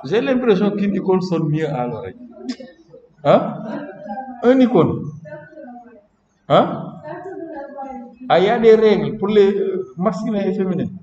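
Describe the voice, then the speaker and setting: A man's voice: high voice, animated, takes it slowly, pauses often, darkish tone. A man instructing a class in programming during a live coding lesson, chatty and often checking in with the students. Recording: roomy, dull lo-fi classroom recording with long reverb.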